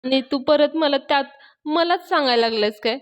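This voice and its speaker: A woman's voice: high-pitched, normal speed, voice pushed up, natural voice. A woman voicing a nervous, flustered older man who speaks in an anxious, stammering, pleading way.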